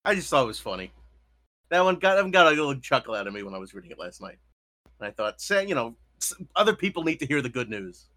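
A man's voice: mid-range voice, fast. A man co-hosting a podcast, bringing up news items and joking about them in casual talk. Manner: animated, joking, reads headlines aloud. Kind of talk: casual political chat.

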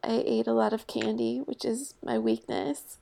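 A woman co-hosting a casual podcast chat, talking in a halting way and often restarting her sentences. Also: a little high, very animated, creaky, mellow, a little hiss or hum. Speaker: podcast co-host.

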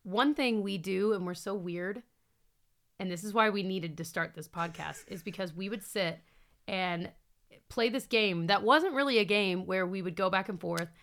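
A woman's voice: medium pitch, moderate pace, a bit bright. A young adult woman co-hosting a casual podcast, talking in a chatty, rambling way with plenty of fillers. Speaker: podcast co-host.

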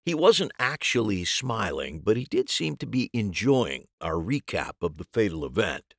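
Male narrator for mystery fiction, gravelly, lively delivery, close dry sound. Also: on the low side, moderate pace, no echo. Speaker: audiobook narrator. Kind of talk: scripted first-person mystery narration with acted dialogue.

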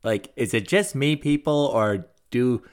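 A man's voice: mid-range voice, a little slow, smooth. A man co-hosting a podcast, chatting casually with sarcastic jokes and mock-dramatic gasps. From North America. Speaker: podcast co-host. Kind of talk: casual chat.

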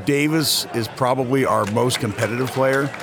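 In a noisy convention hall with a crowd bustling behind him, a fifties-aged store owner talks casually to an interviewer at a moderate pace. His voice sits at medium pitch, and he rambles, stumbling over repeated words at the start of sentences.

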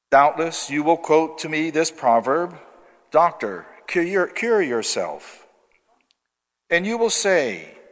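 A man's voice: fairly high pitch, fairly bright tone. Man proclaiming the gospel in church echo. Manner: formal, measured proclamation. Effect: long church reverb. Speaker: gospel reader at Mass. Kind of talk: liturgical gospel reading. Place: large church. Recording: long echo of a large church.

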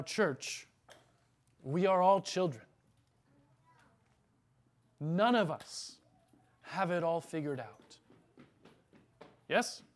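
A man preaching an earnest, emphatic sermon as pastor, then leading a prayer in church. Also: sits high.

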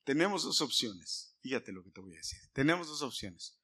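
A male pastor preaching a sermon to his congregation. He asks the listeners questions and swings from loud emphatic lines to quiet asides. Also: mid-range voice, big pitch swings, moderate pace, husky. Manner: asks the congregation questions, sings snatches of a hymn.

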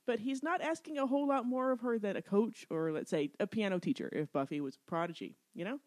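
A woman's voice: medium pitch, quick pace, dry recording. A woman co-hosting a podcast, casually recapping a TV episode, laughing often and correcting herself as she goes. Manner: laughs often, self-correcting, animated retelling.

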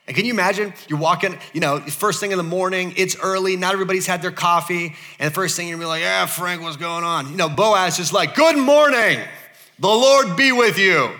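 A man preaching a sermon as pastor, joking and conversational, with many asides and quick shifts into playful quoted voices. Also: a little high, bright, forceful tone. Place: church.

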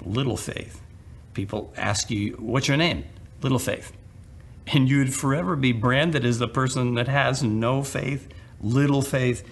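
A man preaching a sermon as a pastor, speaking with emphatic phrasing, dramatic pauses and acted-out quotations. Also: medium pitch, breathy edge.

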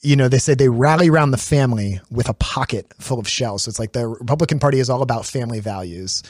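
A man hosting a podcast who talks quickly in a chatty, casual way. He breaks his sentences with ums and restarts. The sound is close and dry, with no room around it. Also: mid-range voice, darkish tone, no room sound. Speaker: podcast host. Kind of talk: casual discussion of song lyrics.

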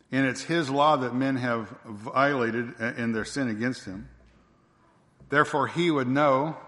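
Preacher in a reverberant hall. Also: male voice, mid-range voice, fairly bright tone. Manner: emphatic, repeats rhetorical questions. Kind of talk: sermon. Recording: long reverb of a large hall.

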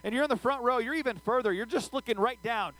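A youth pastor, an adult older than the teens he addresses, speaks casually in a very high-pitched, fast, slightly bright voice on a low-quality recording. Nearly every sentence ends with him checking in, and he shares funny stories about himself, imitating his own screams.

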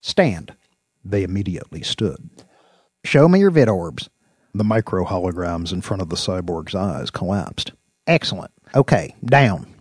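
A man's voice: sits low, expressive, moderate pace, slightly rough, no echo, clean studio sound. A man voicing an eager, casual young male dog trainer who talks in an upbeat, informal way. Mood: commanding.

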